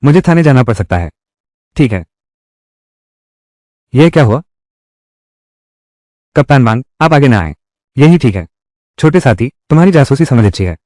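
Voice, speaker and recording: Man with a lively, varied pitch. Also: normal speed, pauses often, no echo, studio quality. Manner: reads every part in one voice. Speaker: dubbing narrator. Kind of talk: Hindi drama recap dubbing.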